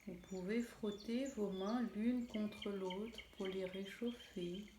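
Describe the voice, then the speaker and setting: A woman leading a guided relaxation in a soothing, gentle, unhurried manner. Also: medium pitch, steady tone. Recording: roomy echo, clear background noise, birdsong. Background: birdsong and nature ambience.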